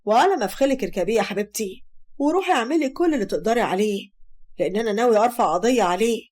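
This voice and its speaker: Greedy mocking man in an Egyptian storybook, read by a woman, fast. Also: on the high side, animated, a little mellow. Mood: taunting. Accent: Egyptian Arabic. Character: greedy scheming middle-aged man, mocking.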